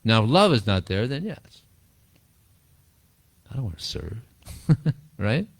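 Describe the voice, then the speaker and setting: A spiritual teacher with a deep, low, gravelly voice holds an informal talk and Q&A with a small group, rambling easily at a slow pace. He's very animated, chuckles often, and repeats words while telling stories, in a dry, close recording with no echo.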